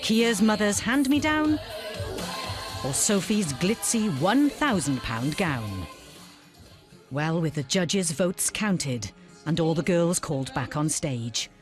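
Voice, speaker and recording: A woman's voice: fairly low pitch, very animated, takes it slowly. A woman reading scripted documentary narration in a wry, playful way. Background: background music.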